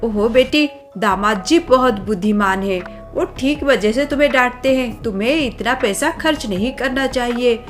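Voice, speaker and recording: A woman's voice: a little high, moderate pace, few pauses, soft background music, lightly acted. A woman voicing an exasperated, doting mother who chides her daughter, in a cartoon story. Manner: chiding, exasperated.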